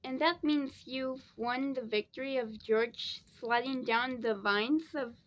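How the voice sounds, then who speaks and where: A woman's voice: high voice, unhurried, fairly bright tone, dull audio. A tired, sleepy woman rambling casually through a DVD review, repeating herself as she goes.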